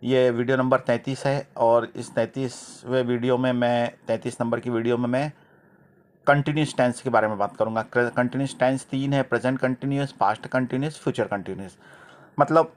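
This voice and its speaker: A man with an Indian English accent, a native Hindi speaker, teaching English grammar. He dictates English examples slowly and gives quick translations, often correcting himself mid-sentence. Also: mid-range voice, steady tone. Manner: frequent self-corrections and restarts. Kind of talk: spoken grammar lesson.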